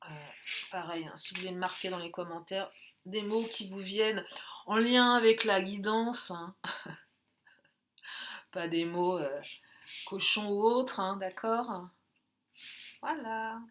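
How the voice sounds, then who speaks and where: Slow-talking chatty French card reader woman. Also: medium pitch, a bit bright, slight background noise. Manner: chatty, jokey, thinks aloud with many fillers. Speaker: tarot and oracle card reader. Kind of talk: casual card-reading video.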